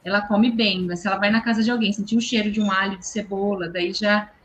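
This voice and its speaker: A woman's voice: mid-range voice, fairly even intonation, quick pace, a bit bright, a little hiss or hum, rough recording. A woman, a mother and guest, talking eagerly on a video call, often restarting her sentences and tagging them with little checks. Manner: enthusiastic, hesitant restarts, frequent "né". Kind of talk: casual video call conversation.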